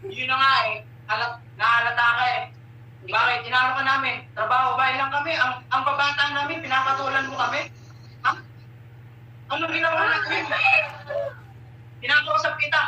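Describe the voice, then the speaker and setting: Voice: sits high, fairly even intonation, normal speed, long pauses, pushed and bright, far from the mic, a little hiss or hum, poor audio. A Filipino speaker on a call accusing and pleading with someone, confronting them sharply.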